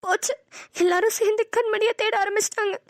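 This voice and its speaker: A woman's voice: extremely high pitch, fairly even intonation, quick pace, no echo, studio quality. A woman voicing a nervous young woman in a cartoon, hesitant and stammering. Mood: scheming. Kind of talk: cartoon voice acting.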